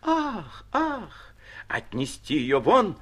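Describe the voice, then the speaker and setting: A man's voice: medium pitch, huge pitch swings, measured pace, husky, voice pushed up, heavily acted. A man voicing a capricious, imperious old noblewoman who exclaims and fusses in a raised voice. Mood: alarmed. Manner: fussy, exclaiming, sugary then sharp.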